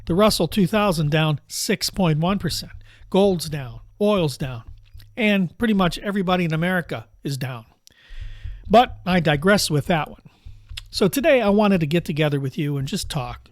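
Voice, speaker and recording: Guy doing a casual political rant, kinda high voice, sarcastic, rambles off on tangents, dry room. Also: expressive, normal speed, no echo. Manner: sarcastic, digressive, conversational. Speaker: political commentator.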